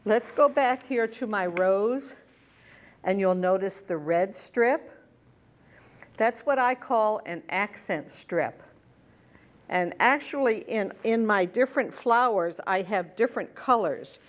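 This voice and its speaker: Older woman demonstrating quilting steps. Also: medium pitch. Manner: friendly step-by-step explaining, talking while working. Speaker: quilting show host. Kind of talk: hands-on sewing demonstration.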